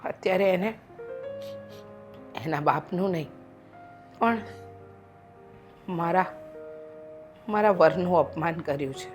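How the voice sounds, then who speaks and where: Actress as protective middle-aged wife, deliberate slow delivery, soft score. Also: female voice, lowish voice. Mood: indignant. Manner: slow, emphatic and indignant. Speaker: wife and mother. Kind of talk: short film acting. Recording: faint background music. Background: faint music.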